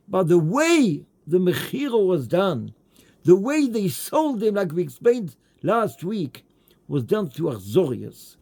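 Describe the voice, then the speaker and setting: Guy giving a torah talk, mixes in yiddish and hebrew words, goes up high when he asks stuff, kinda husky and mellow. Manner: emphatic, rising to high pitch on rhetorical questions. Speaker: Torah lecturer. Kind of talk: Torah lecture.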